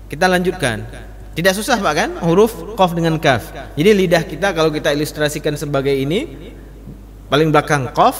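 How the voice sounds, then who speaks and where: Male recitation teacher, high animated voice, long hall reverb. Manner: addresses class as Pak, demonstrates letter sounds repeatedly. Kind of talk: mosque study class. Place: mosque hall.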